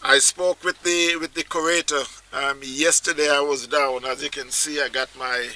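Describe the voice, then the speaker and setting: Bright-voiced man hosting cricket chat. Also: a little high, flat delivery, slight background noise, low-quality recording. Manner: halting, with frequent "um" fillers. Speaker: cricket commentator and YouTube channel host. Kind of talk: casual live cricket commentary chat.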